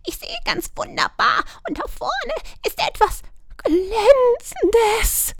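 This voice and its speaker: A woman voicing a chattering female magpie with a high, squawky, whispery voice in a storybook. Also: big pitch swings, takes it slowly, no echo, studio quality, exaggerated voice. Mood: excited.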